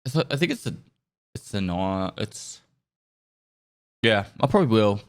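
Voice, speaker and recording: With a cold blocking his nose, a man thanks subscribers on a live stream, chatting casually and rambling at ease. His voice is on the low side and his speed normal.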